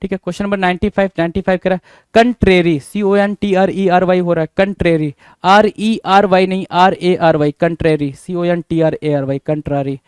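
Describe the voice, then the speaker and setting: A man's voice: high-pitched, fairly even intonation, moderate pace, a little mellow, clean tone, no room sound, studio quality. Man spelling words out letter by letter. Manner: drills each word by spelling it letter by letter, asking rhetorical questions. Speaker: English spelling teacher. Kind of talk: exam-prep spelling lesson.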